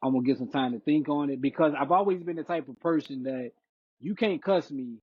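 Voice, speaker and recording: A man's voice: on the high side, fairly quick, husky, muffled recording. A man co-hosting a casual podcast chat, telling stories emphatically and heatedly, with slang. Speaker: podcast co-host.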